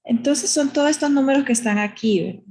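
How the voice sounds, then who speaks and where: A woman's voice: sits high, quick pace, darkish tone. A woman teaching a math lesson, explaining step by step in a patient way and often checking with "¿verdad?". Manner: patient, explanatory, uses diminutives, asks "¿verdad?".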